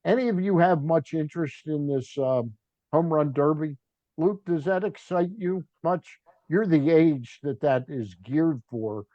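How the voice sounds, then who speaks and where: A man's voice: on the high side, lively intonation, measured pace, warm tone, no room sound. An older male sports talk host with a chatty, rambling delivery. His voice comes across dull and lo-fi in a dead, dry studio. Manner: chatty, rambling, trails off mid-list. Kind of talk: casual sports talk with live ad read.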